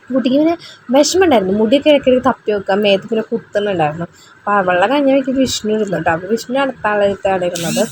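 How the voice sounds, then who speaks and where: A woman's voice: mid-range voice, a little mellow, a little hiss or hum, low-quality recording. A young woman, a mother, narrating her family trip in a chatty, rambling vlog voice-over with asides to the viewer. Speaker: travel vlogger, mother.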